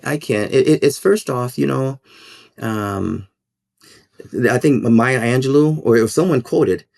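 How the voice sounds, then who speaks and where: A man's voice: medium pitch, vocal fry, darkish tone, no room sound, studio quality. A man who is a school principal and minister, speaking in a podcast interview in an earnest, reflective way that halts and repeats words. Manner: halting, repeats words while thinking.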